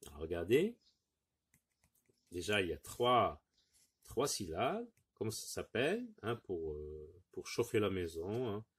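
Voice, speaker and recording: Man teacher, husky, unhurried; sounds out words by syllable for young pupils. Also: low-pitched, big pitch swings. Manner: repeats words slowly, syllable by syllable; patient, encouraging, addresses pupils directly. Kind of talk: phonics lesson for young pupils.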